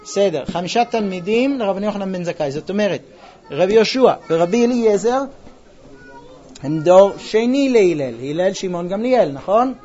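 A man's voice: high voice, expressive, dark tone, muffled recording. A man teaching a Talmud class, retelling stories with quoted dialogue and quizzing his students. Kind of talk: classroom lesson with storytelling.

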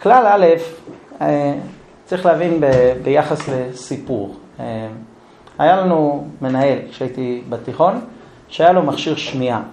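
Middle-aged male lecturer, humorous marriage talk, high expressive pitch, plays both spouses, echoey room. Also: a little hiss or hum. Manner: acts out quarrels in a high whiny wife voice. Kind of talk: humorous relationship lesson.

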